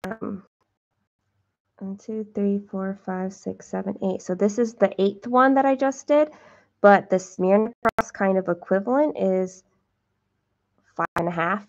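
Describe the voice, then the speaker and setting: Host of a stitching livestream: a woman with a slow, gravelly voice who chats warmly with viewers; dull lo-fi sound. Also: mid-range voice. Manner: chatty, self-deprecating, talks to viewers while counting stitches. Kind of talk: casual stitching livestream chat.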